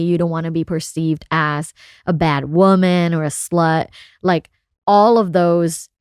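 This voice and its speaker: A woman's voice: on the low side, darkish tone, clean tone, no echo, studio quality. A woman from Thailand, a sex researcher, talking openly and casually as a podcast guest, often laughing. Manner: frank and open, laughs often. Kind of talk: casual interview chat.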